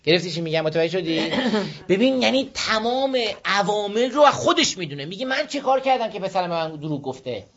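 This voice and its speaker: Iranian guy with a high voice telling little moral stories to a group, keeps asking if they get it, dull lo-fi sound. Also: sing-song, a bit bright. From Iran. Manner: storytelling, often checks listeners follow with quick questions. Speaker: speaker advising a group on parenting. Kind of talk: informal moral talk with stories. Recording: dull lo-fi recording.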